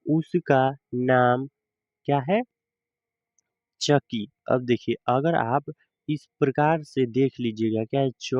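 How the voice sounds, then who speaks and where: A man teaching a reading lesson, slowly explaining each word and answering his own questions. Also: mid-range voice, dark tone, no echo, muffled recording.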